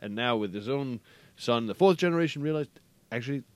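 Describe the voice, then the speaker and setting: Middle-aged man, thoughtful podcast guest, reflective storyteller, even mid-range pitch. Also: a little fast, no room sound. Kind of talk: podcast interview conversation.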